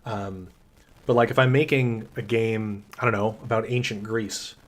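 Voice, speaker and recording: A man who designs tabletop games, chatting casually through a livestream Q&A with frequent ums and a relaxed, rambling manner. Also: on the low side, normal speed. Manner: enthusiastic about his characters.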